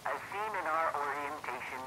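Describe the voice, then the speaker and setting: Woman as robotic security check voice, game, deep for female, flat formal prompts, noisy intercom-ish sound. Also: moderate pace, lightly acted. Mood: impassive, formal. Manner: formal, clipped, detached. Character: impassive automated female security verification system. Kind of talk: scripted automated announcement in a game.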